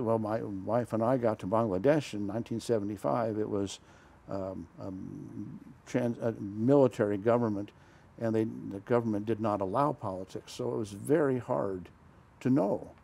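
A lowish, creaky, husky voice belongs to an older man, a retired diplomat, recalling his career in a relaxed studio interview. He rambles, halts often with "uh," corrects himself and chuckles, captured on a lapel mic in a small, dark indoor set.

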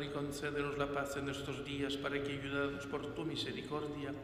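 Solemn priest in an echoing church. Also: male voice, a little high, fairly bright tone, a little hiss or hum. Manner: solemn, measured liturgical recitation. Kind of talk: celebrating Mass. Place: large church, indoors at the altar. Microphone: stand mic on the altar. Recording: echoey church with long reverb.

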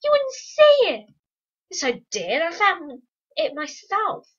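A shrill, squeaky little braggart, as a woman puts on the voice, insisting over and over that it found the prize itself. The voice is bright and pinched, and the recording is dull and lo-fi. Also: huge pitch swings, slow pace, full character voice. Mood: boastful.

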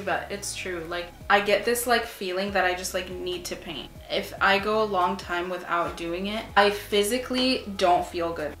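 With a medium-pitched voice, an Arabic-speaking artist and vlogger in her 20s chats easily during a painting Q&A, dropping "like" again and again. She sits on a couch in a small home room. A camera a few feet away records the echoey space.

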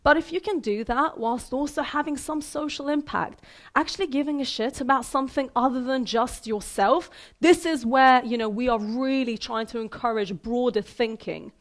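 Lively high-voiced woman speaker on stage. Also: normal speed. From Iran, raised in Sweden. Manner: lively, conversational, asks the audience questions. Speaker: keynote speaker. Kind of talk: motivational talk. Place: theater stage with a large audience hall. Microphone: headset mic.

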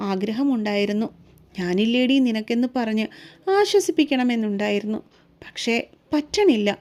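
A woman reading a romance novel aloud as a storyteller, in a slow, emotive and soothing manner. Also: a little high, a little mellow. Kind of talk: scripted narration of a romance novel.

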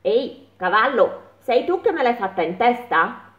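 A small nearsighted mole, squeaky and indignant, lifts her voice high with every question she asks, as a woman reads her for a storybook. Her lines rise and fall widely. The sound is tinny and phone-like, ringing in an echoey room. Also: big pitch swings, measured pace.

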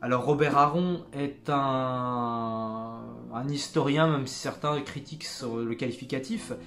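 A man giving a casual spoken book review, pausing often and restarting his sentences. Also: mid-range voice, a bit bright, faint music behind. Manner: hesitant, many fillers and restarts; jokes about his own English accent.

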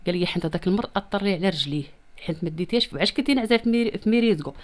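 A woman in her thirties with a Moroccan accent speaks rapidly in a mid-range voice. Interviewed in a small room at home, she holds a reporter's microphone close to her mouth and makes a plaintive, insistent personal plea for help.

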